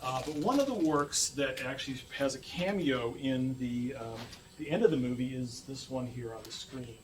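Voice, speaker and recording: A man giving a public university lecture to an audience, halting with many fillers and restarts. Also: medium pitch. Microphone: room mic far from speaker. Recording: distant mic, faint room noise.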